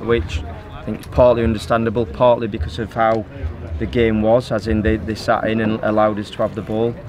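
The interviewer's handheld phone captures a middle-aged football manager on an outdoor pitch as he responds to post-match questions. His delivery is measured and even, full of filler words, with the crowd audible in the background.

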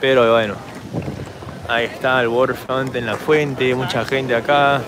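A hoarse man with a Peruvian Spanish accent rambles on in a casual walking vlog and speaks to his handheld camera at night. His voice sits at an ordinary mid pitch. Faint city traffic hums in the background. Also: flat delivery, measured pace. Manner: chatty, rambling, talks straight to camera while walking. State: hoarse from shouting. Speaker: travel vlogger. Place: city park and streets at night, outdoors.

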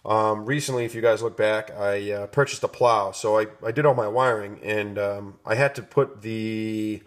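A man's voice: fairly low pitch, fairly even intonation, normal speed. A man casually walking through hardware kits in his garage workshop, rambling with many ums and restarts, filmed on a handheld phone. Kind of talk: casual off-the-cuff product walkthrough. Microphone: handheld phone camera, speaker off-screen.

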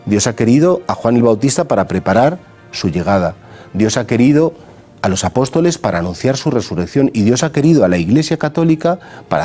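A man's voice: medium pitch, dark tone. A middle-aged man with a Spanish accent, a priest giving a conversational gospel homily, asking earnest rhetorical questions. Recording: faint background music.

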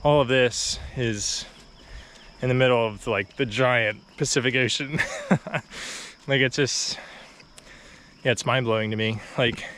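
At a measured pace and in a mid-range voice, a young adult vlogger chats his way along a quiet rural road, slightly out of breath from the uphill walk. He's relaxed, sprinkling in fillers and short laughs. The phone or action camera held at arm's length picks up slight background noise.

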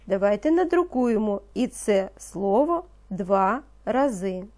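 A woman teaching a reading lesson to young children, speaking slowly and patiently and pronouncing each word with care. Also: medium pitch, animated, darkish tone. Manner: slow, patient, encouraging, pronounces words carefully. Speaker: primary school teacher.

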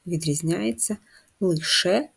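A woman's voice: on the low side, slow pace, gravelly, slightly rough. A woman teacher giving a patient, step-by-step first-grade writing lesson, asking the children questions as she goes. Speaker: primary school teacher.

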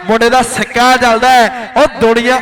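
A man with a Punjabi accent giving frantic, excited rural live sports commentary, repeating phrases over and over as a kabaddi announcer. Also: very high-pitched, normal speed.

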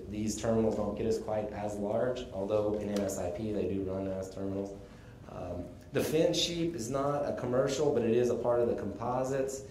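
A man from Texas gives a casual conference presentation, explaining things in a relaxed way with the odd chuckle. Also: fairly low pitch, slight background noise. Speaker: conference speaker on sheep breeding. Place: conference room. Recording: echoey conference room, faint ambience.

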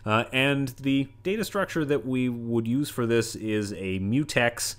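A man's voice: mid-range voice, measured pace, smooth. A male university lecturer giving a recorded lecture, rambling along with many asides and everyday analogies.

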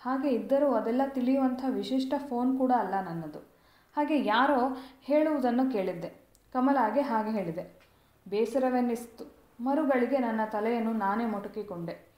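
A woman from southern India narrating a short story in the first person, calm and measured. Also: a little high, roomy sound.

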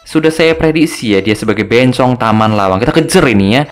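A man's voice: mid-range voice, lively intonation, quick pace, faint music behind. A young man gives casual, joking commentary over a mobile game, tacking little tag words onto his phrases. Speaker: gaming video host.

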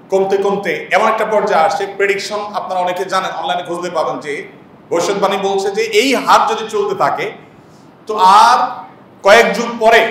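A man's voice: high-pitched, fairly bright tone, very echoey, recorded from a distance. A man preaching a sermon with impassioned rhetorical questions and repeated lists. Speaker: Islamic preacher. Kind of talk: sermon-style lecture.

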